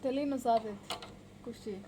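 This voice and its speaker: A young mother with a North Karnataka Kannada accent narrates a casual daily vlog at home and at a juice shop, coaxing her sick child in a raised, singsong voice. She speaks at a measured pace in a fairly high pitch, with noise in the background.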